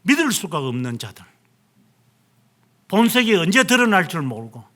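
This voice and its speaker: A man's voice: high-pitched, sing-song, moderate pace, a bit bright. A male pastor preaching a sermon, retelling scripture dramatically and acting out quoted lines. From South Korea.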